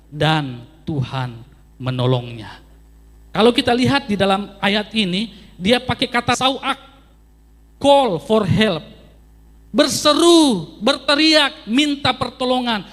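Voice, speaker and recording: A man's voice: high voice, expressive, slow, pauses often, fairly bright tone, big-room sound. A man pastor preaching a sermon emphatically, with sweeping rises and drops and repeated phrases for emphasis.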